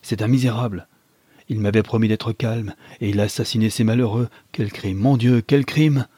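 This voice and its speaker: A man voicing a pompous, self-important male caretaker who makes loud, blustering threats. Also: medium pitch, fairly quick, husky, no echo, voice pushed up.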